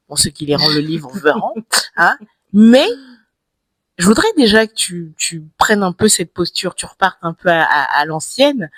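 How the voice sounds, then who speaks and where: A woman's voice: on the low side, fairly bright tone, dry recording. Chatty podcast host woman, dry sound. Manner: chatty, agreeing often, laughs easily. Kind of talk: casual conversational interview.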